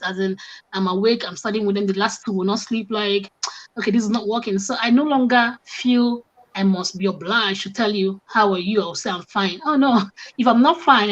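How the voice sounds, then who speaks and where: A woman's voice: medium pitch, muffled recording. A young woman from Africa, a coach, telling stories animatedly in casual conversation and acting out both sides of the exchanges. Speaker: guest coach.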